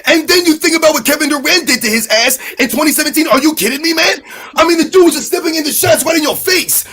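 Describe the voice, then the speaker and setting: A man co-hosting a sports talk show, loud and emphatic, acting out players' voices as he rants. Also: very high-pitched, quick pace. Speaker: podcast co-host.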